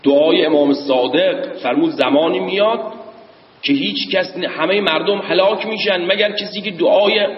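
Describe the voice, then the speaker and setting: A man preaching a sermon, telling a story and reciting sayings slowly before explaining them in plain speech. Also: high voice. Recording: roomy, distant hall recording, dull sound.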